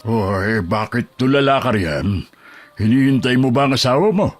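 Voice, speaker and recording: Casting: actor as a curious, slow-talking neighbor, mid-pitched. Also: male voice, animated, close to an everyday voice. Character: nosy neighbor man, curious.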